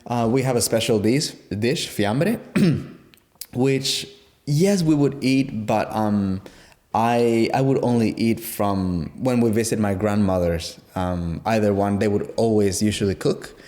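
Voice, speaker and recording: Man, young adult, from Guatemala, low voice, casual interview, reflective, halting. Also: warm tone. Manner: reflective, halting, with fillers and restarts. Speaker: interview guest.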